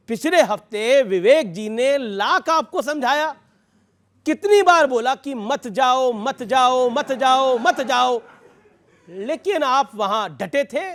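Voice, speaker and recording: A man hosting a televised news debate, jumping in with quick interjections and teasing his guests. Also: very high voice.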